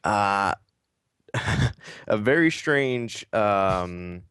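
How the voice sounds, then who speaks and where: Low-voiced joking male host. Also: very slow, clear, resonant tone, no echo, studio quality. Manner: joking, relaxed. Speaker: interview host. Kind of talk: casual live-stream chat.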